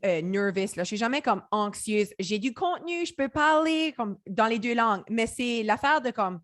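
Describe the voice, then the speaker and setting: An Acadian woman in her thirties chats as a podcast guest, fast and animated, dropping English words into her French. Her voice sits a little high and the sound is dry and close. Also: no room sound. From Acadia, New Brunswick. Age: 30s. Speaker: podcast guest, business founder. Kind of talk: casual interview chat.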